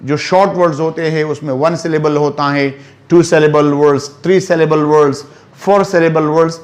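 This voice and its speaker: A man's voice: fairly high pitch, fairly even intonation, moderate pace. A man teaching English grammar in a lecture, mixing Hindi-Urdu and English and drawing out example words as he explains. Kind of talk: classroom lecture.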